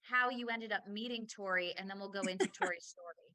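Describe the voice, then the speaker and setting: Bright-voiced woman interview host. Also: medium pitch, dry recording. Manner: measured, explanatory. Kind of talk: interview talk show.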